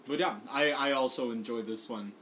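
During a relaxed food tasting chat, a man from Puerto Rico talks about the food he brought as a guest, his medium-pitched voice brisk and fairly bright. Frequent swearing, ums and laughs fill his speech, and the rough recording has a bit of background noise.

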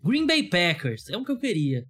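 A man's voice: high voice, wildly swooping pitch, moderate pace, a bit bright. A Brazilian man hosting a sports podcast in casual, joking, self-deprecating chat. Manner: informal, jokey, self-deprecating. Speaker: podcast host.

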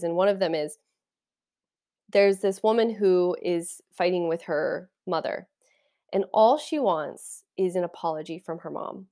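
A woman's voice: on the low side, darkish tone. A woman hosting a podcast as a life coach, talking in a casual, enthusiastic and wandering way about spiritual practice. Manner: enthusiastic, meandering, conversational.

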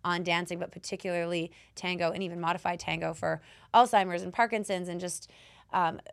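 A woman hosting a podcast in casual chat, her voice hoarse, talking chattily and laughing often. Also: on the low side, fairly even intonation, a little fast. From Canada. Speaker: podcast host.

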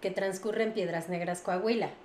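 A woman with a Mexican accent in casual chat, adding quick, joking asides. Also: mid-range voice, fairly even intonation, crowd noise. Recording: echoey room with faint noise.

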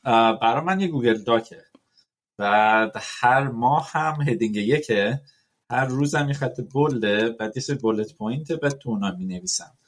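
A podcast host, talking casually and thoughtfully, pausing often with fillers and dropping in English words. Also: male voice, mid-range voice. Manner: thoughtful, rambling with many fillers and English loanwords.

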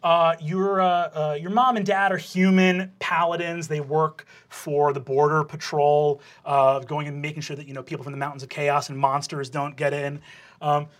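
A woman's voice: sits low, little pitch movement, normal speed. A woman narrating a tabletop game as game master, rambling with lots of fillers. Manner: rambling, many fillers and restarts.

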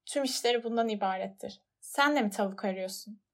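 A woman voicing a calm, wise fox. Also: medium pitch, a little fast, natural voice.

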